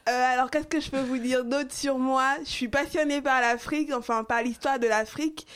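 A woman in her twenties from Benin, a journalist guest chatting casually in a radio interview, relaxed and talkative. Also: high-pitched, normal speed, clear, resonant tone. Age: 20s. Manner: relaxed, chatty, with frequent fillers.

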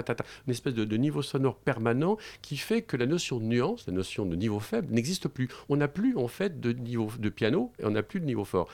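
A man's voice: mid-range voice, gravelly, a little mellow. Explanatory French man, radio interview. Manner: explanatory, emphatic, frequent hesitations and "vous voyez". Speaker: sound expert guest. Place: radio studio.

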